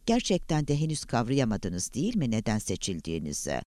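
A man reading an audiobook voices a calm, taunting male villain who speaks formally and coldly on the phone. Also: medium pitch, fairly quick, no room sound, studio quality. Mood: menacing. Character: smug, menacing male kidnapper on the phone. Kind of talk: audiobook character voice.

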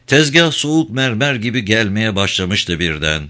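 Expressive male audiobook narrator. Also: on the low side, normal speed. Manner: expressive reading with voiced dialogue. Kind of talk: scripted narration.

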